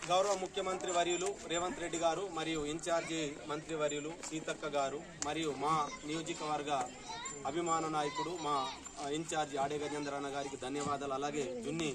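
A high-pitched man with a Telangana Telugu accent delivers a rousing stump speech outdoors in a village. He thanks local leaders and urges the crowd to back his party. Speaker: political speaker. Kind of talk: public speech at a village gathering.

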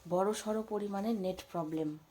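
A woman chatting casually for her home vlog, filmed on a phone in a family house, often speaking softly and hushed. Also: medium pitch, moderate pace. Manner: chatty, drops to a hushed near-whisper at night. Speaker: vlogger.

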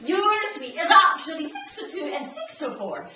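A woman playing a fussy, over-polite hotel manager who chats on brightly, recorded live on a theater stage. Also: very high voice, wildly swooping pitch, moderate pace, full character voice. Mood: fawning. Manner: chatty, fawning, over-polite. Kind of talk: live stage comedy acting. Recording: echoey stage from a distant mic.

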